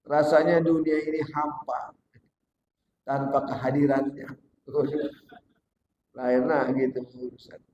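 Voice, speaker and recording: A man preaching, his voice high and his delivery slow and drawn out. He jokes with homely examples and drops into slang between quoted Arabic phrases. The room around him is echoey, with faint background ambience. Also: steady tone, a little mellow, dull audio, slight background noise. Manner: jokey everyday examples, Betawi slang, quoting Arabic. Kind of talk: sermon. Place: gathering hall. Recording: roomy hall with faint ambience.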